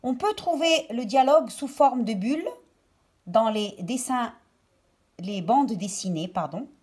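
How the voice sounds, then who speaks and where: A woman teacher with a high, lively voice gives a lesson for young children. She goes slowly, one phrase at a time as if dictating, and leans on the key words so they stand out. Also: husky. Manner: didactic, phrase-by-phrase delivery as if dictating. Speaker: primary school teacher.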